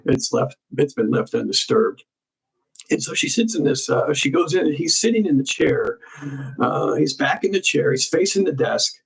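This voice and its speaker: A man hosting a crime investigation show, casually walking through a case in halting speech full of ums and restarts. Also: a little high, expressive, gravelly, husky, poor audio.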